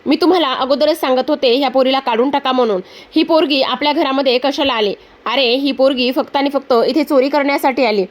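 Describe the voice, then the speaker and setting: A stern, scolding middle-aged aunt from a TV serial recap, voiced by a woman retelling the episode. She lays out accusations in a high voice. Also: brisk, natural voice.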